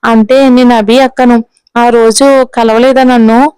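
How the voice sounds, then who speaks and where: Narrator as a gentle kind young woman, soft-spoken, fairly high smooth voice, audio story. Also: flat delivery, unhurried, dry recording, lightly acted. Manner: gentle and affectionate.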